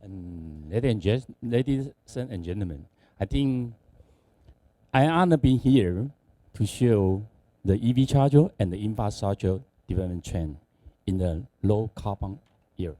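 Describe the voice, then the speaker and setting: A man with a Taiwanese accent gives a conference presentation in halting, non-native English. His voice is low and soft-edged, with very animated intonation. The sound is dry and close. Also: no room sound. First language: not English. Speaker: conference speaker, company executive.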